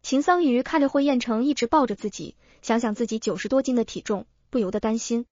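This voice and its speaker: A woman narrating a comic story in an even, matter-of-fact way. Her voice sits fairly high and is heard dry and close. The recording is dull and lo-fi. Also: fast talker, dry recording.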